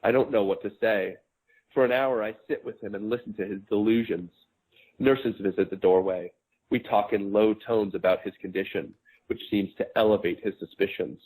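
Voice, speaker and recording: A man in his forties, an author, reading his memoir aloud in a measured, quiet, reflective way. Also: on the low side, fairly even intonation, poor audio.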